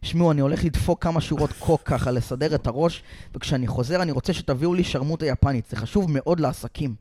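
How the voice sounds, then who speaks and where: A man doing an improvised comic bit as a sleazy, desperate male TV director, talking loud and vulgar and pleading. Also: on the high side, natural voice. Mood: boastful.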